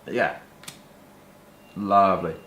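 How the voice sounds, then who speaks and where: A man's voice: low voice, fairly even intonation, slow pace, a bit bright. A British man chatting casually to camera in a rambling, colloquial way, like a hobby vlogger. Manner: rambling, colloquial, mild swearing. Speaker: pipe-smoking vlogger showing pipes and tobacco. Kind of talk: casual product chat to camera. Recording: roomy echo with faint background noise.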